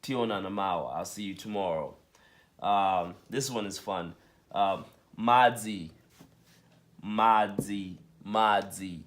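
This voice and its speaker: A man's voice: sits low, fairly bright tone. A man teaching a casual language lesson, saying each word again and again and spelling some out letter by letter. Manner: repeats words slowly, spells them out letter by letter.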